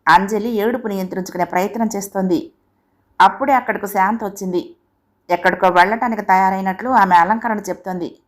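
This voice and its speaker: A woman's voice: mid-range voice, fairly even intonation, brisk. Woman narrating a family story. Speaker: audiobook narrator.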